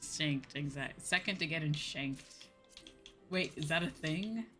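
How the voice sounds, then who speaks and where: Streaming a game over background music, a young woman chats informally in a giggly way. She has a deep, fairly bright voice and takes her time.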